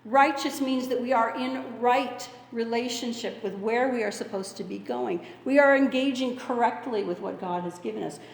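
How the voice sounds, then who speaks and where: A woman pastor preaches in a measured, earnest way, stretching out pauses for weight. Her voice sits fairly high and carries through a roomy sanctuary with a long, hanging reverb. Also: vocal fry. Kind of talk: sermon. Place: church sanctuary. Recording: echoey hall with long reverb.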